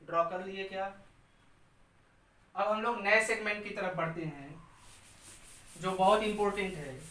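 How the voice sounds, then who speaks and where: A male chemistry teacher lectures his class in a high, bright, forceful voice that stays steady and unhurried. He drills students by posing questions and answering them himself, chanting key terms repeatedly. The recording is from a distant mic in an echoey room, with faint hiss.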